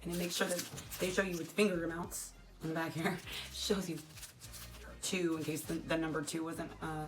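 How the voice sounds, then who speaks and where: A talkative woman with a fairly low voice, crackly and dry, rambling casually to her viewers during an unboxing. She pokes fun at herself as she goes, and soft music plays faintly behind her. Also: level tone, moderate pace. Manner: chatty, rambling, self-deprecating. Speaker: unboxing vlogger. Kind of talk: casual unboxing chat to camera.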